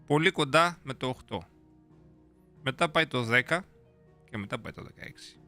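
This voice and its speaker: A man's voice: mid-range voice, lively intonation, bright, forceful tone. A young man hosting a casual live stream, playful and slangy, chatting with viewers and reading their messages aloud. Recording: faint music behind.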